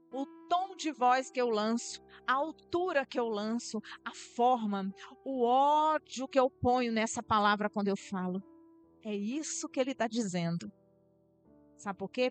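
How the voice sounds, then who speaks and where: A woman's voice: on the high side, a bit bright, clean tone. A Brazilian woman pastor preaching a sermon, earnestly addressing the church directly.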